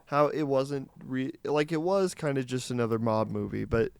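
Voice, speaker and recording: Young male co-host, casual review chat; halting and filler-heavy, gravelly and dry. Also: mid-range voice, fairly even intonation, no room sound. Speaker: podcast co-host.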